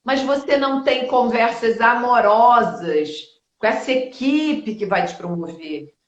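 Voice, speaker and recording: A woman in her fifties speaking as a guest in a live-stream interview, lively and blunt, with quick asides and the odd swear word. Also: a little high, echoey room, dull audio. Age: 50s. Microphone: video call.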